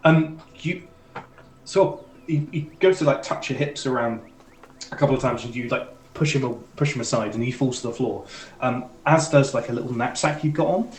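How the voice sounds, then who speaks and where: A man's voice: mid-range voice, normal speed, echoey room, poor audio. A man narrating as dungeon master in a casual, rambling way, with lots of ums and likes. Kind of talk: narrating a tabletop game.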